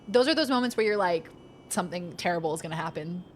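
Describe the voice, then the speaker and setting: A woman livestreaming a video game, chatting casually with playful, expressive, giggly commentary. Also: lowish voice, fast, a little hiss or hum.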